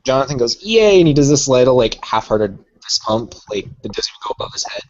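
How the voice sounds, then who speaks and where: A man playing in a tabletop game, narrating his character in an animated way. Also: mid-range voice, fast talker, muffled recording. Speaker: player.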